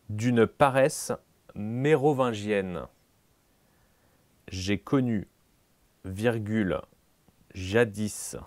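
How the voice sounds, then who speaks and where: A man playing an examiner in a comic dictation sketch, slow and solemn, repeating every phrase and speaking out the punctuation. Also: fairly low pitch, darkish tone, dry recording.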